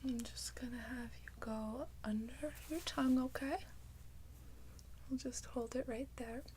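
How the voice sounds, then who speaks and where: A woman doing a whispered role-play as a caring nurse, with a gentle, reassuring bedside manner. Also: a little high, steady tone, unhurried, a little hiss or hum. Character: caring, attentive female nurse. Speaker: ASMR performer playing a nurse.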